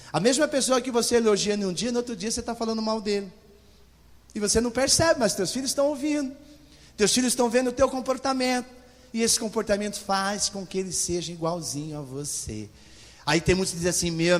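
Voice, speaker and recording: A middle-aged man preaches to his congregation, talking straight to them. His voice sits high and swings widely in pitch. A long church reverb trails every phrase. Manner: animated preaching, addresses congregation directly. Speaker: pastor. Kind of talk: sermon. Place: church hall.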